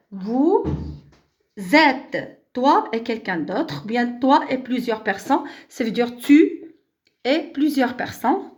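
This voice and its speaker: Female language teacher: high pitch, slow deliberate delivery, drills each word by repetition. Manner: slow, drawn-out, repeats and stresses each word for learners. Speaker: French teacher. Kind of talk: grammar lesson.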